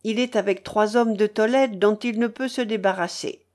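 A woman's voice: mid-range voice, fairly even intonation, moderate pace, a little mellow, close to an everyday voice. A woman reading the lines of a polite, deferential young valet in a storybook.

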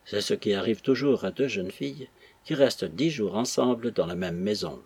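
A man reading a classic novel aloud in an expressive way. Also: lowish voice, normal speed, vocal fry, husky, dry recording. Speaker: audiobook narrator. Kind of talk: scripted narration of a classic novel.

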